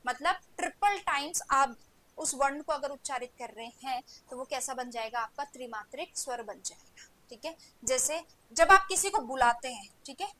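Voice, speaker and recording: High bright-voiced woman teaching a class. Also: animated, normal speed, low-quality recording. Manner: asks rhetorical questions and answers them, repeating "ठीक है" often. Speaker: Hindi teacher. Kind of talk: online coaching class lecture.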